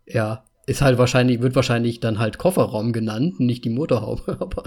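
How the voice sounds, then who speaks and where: A podcast co-host in his late thirties chats casually, rambling and laughing often. His mid-range voice is brisk with a darkish tone.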